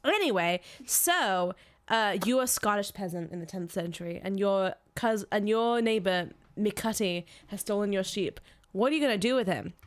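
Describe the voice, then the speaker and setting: A woman co-hosting a podcast in casual chat, rambling excitably and restarting her sentences. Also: mid-range voice, moderate pace. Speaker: podcast co-host.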